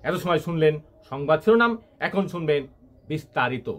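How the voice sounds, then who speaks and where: A man's voice: on the high side, expressive, normal speed, loud music behind the voice, natural voice. A man playing a parody news anchor, reading absurd bulletins with mock seriousness. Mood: mock-serious.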